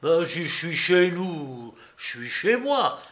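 A man voicing a fussy, easily outraged old male clerk in an audiobook, whining in shrill protest. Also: very animated, slow pace, a bit bright, full character voice. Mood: indignant.

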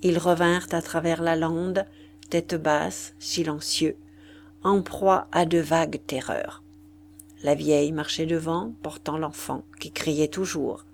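A woman narrating a story in a measured, even audiobook reading. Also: low-pitched, slight background noise.

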